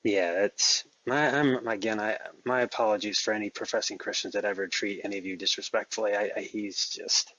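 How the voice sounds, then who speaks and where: A shaken man on a live audio chat, talking in halting, apologetic bursts full of stammers. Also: fairly low pitch, fairly even intonation, bright, forceful tone, dull audio, slight background noise. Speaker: Clubhouse speaker.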